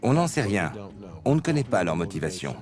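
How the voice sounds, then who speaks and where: A man's voice: on the low side, sing-song, brisk, music in the background. A man explaining as an expert interviewee in a documentary.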